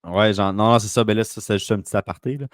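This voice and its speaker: A man's voice: lowish voice, fairly even intonation, quick pace, dry recording, studio quality. A man with a Quebec French accent, a real estate broker telling a long rambling story in casual conversation.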